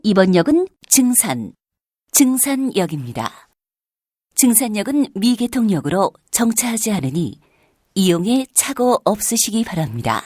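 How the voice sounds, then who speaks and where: A woman's voice: mid-range voice, sing-song, unhurried, darkish tone, no room sound, studio quality. A woman reading a prerecorded train station announcement in a polite, formal, evenly paced voice. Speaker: subway announcer.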